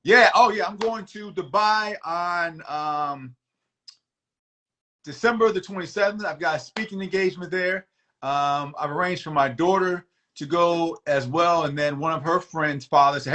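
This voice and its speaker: A man talks on a video call in a fairly high, bright, ringing voice. He chats as an emergency doctor being interviewed, friendly and animated, laughing often and stumbling into quick restarts. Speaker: emergency medicine doctor, guest. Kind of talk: casual interview chat.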